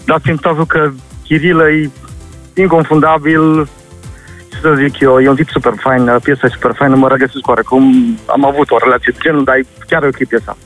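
Chatty male caller, mid pitch, faint music behind. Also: level tone, fairly bright tone. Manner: enthusiastic, chatty. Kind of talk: call-in opinion.

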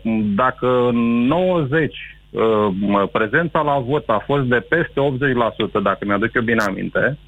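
A man calling in to a radio show, speaking hesitantly with lots of pauses and restarts. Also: medium pitch, no echo. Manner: hesitant, many fillers and restarts. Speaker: caller. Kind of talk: call-in radio chat. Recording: tinny phone line.

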